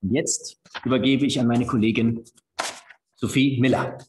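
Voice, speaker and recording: A man, a stage actor, reading a story aloud with expressive storytelling at a live reading. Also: mid-range voice, normal speed, a little hiss or hum. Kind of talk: literary reading at a live event. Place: theatre stage. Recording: echoey hall.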